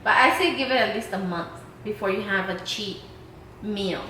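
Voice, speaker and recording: A woman's voice: mid-range voice, moderate pace, bright, forceful tone, a little hiss or hum. A woman in her twenties hosting a casual Q&A vlog, chatting loosely with lots of "um" and "like". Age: 20s. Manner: casual, many fillers like "um" and "like". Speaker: vlog host. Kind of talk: casual Q&A chat. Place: indoor lounge room. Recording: echoey room.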